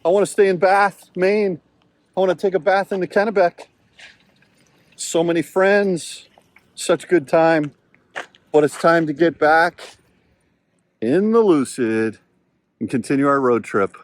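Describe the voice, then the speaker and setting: A man voicing his happy little female dog, pleading in an excited, childlike way to stay and play. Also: a little high, a little slow, pauses often, voice pushed up, natural voice.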